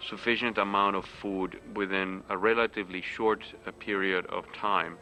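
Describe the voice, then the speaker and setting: A man's voice: low-pitched, fairly even intonation, moderate pace, bright, forceful tone, faint music behind, poor audio. A man giving an unscripted expert explanation in a documentary interview.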